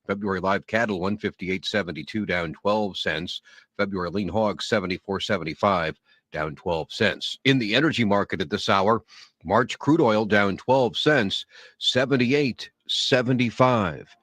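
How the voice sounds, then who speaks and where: A man reporting farm commodity prices on a radio network, reading a brisk list of figures. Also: fairly low pitch, fairly bright tone, no room sound.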